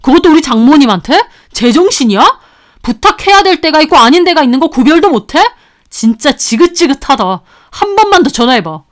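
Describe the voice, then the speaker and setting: A woman reading a story voices an angry young husband scolding his older sister over the phone, shouting indignantly. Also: sits high, very animated, a little fast.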